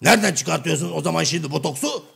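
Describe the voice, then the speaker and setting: Brief: a man playing a raspy, half-deaf shadow-play joker, rough gravelly voice that swings wildly up and down, cheeky and mock-innocent. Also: a little high, lively intonation, quick pace, pushed and bright, exaggerated voice. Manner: mishears everything and answers with cheeky misunderstandings. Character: Karagöz, blunt mishearing everyman, male, middle-aged. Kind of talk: comic shadow-play sketch.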